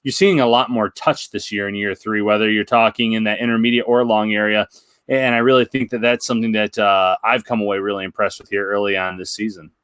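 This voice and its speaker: A man's voice: lowish voice, steady tone, fairly quick, fairly bright tone, clear, resonant tone, no room sound, studio quality. A man co-hosting a casual sports talk show, breaking down plays in an analytical way. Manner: analytical, builds points with examples. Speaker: podcast co-host.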